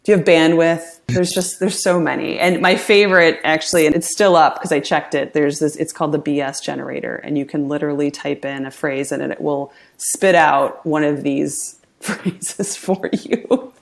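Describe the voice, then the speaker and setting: Brief: middle-aged woman, podcast guest, low gravelly voice, chatty and upbeat. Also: steady tone, normal speed, few pauses. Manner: upbeat, laughs often, chatty storyteller. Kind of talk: casual interview chat.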